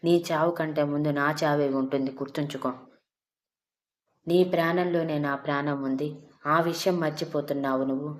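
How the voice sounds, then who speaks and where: A woman's voice: low voice, steady tone, moderate pace, lightly acted. A woman voicing a tearful young woman who pleads with and scolds the man she loves. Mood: scolding. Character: tearful frightened young woman, fiercely devoted.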